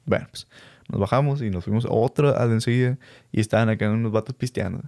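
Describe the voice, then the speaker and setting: A man's voice: on the low side, fast talker, vocal fry, dry recording, studio quality. A young man with a Mexican Spanish accent casually telling a personal story, acting out the people he quotes. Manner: lively storyteller who acts out quoted people and laughs.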